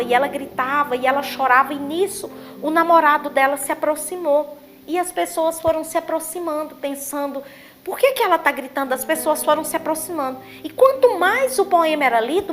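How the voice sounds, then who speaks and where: A woman's voice: high-pitched, a little hiss or hum. A Brazilian woman missionary preaching a testimony, telling her story with emotion and acting out the prayers and dialogue she quotes. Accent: Brazilian Portuguese.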